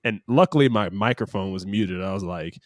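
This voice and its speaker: A man hosting a casual podcast chat, telling stories in a profane, animated way with acted-out quotes. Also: low voice, brisk, no room sound, studio quality. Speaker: podcast host.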